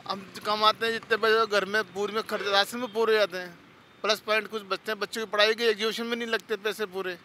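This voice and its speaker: A man's voice: sits high, level tone, fast talker, pushed and bright, a little hiss or hum. A man interviewed on a city street, complaining at length and listing rising prices. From Rajasthan, India. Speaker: street interviewee, day laborer.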